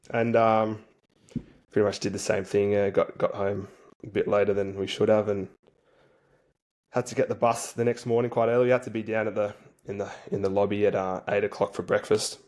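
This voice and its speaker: Low-voiced man telling stories casually. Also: darkish tone. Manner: laid-back, colloquial with slang like footy and bloke. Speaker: interview guest, rugby league player for a national team. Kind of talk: casual interview storytelling.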